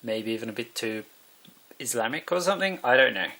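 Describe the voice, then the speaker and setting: A man's voice: mid-range voice, expressive, a little fast, bright, forceful tone. A man, vlogging in a meandering, musing monologue that keeps correcting itself. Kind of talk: rambling monologue.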